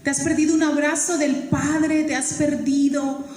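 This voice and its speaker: A woman's voice: high voice, level tone, moderate pace, darkish tone. A woman pastor with a Colombian Caribbean accent, preaching a fervent, emphatic sermon and repeating key phrases. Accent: Colombian Caribbean Spanish. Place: church hall. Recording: echoey church hall with long reverb.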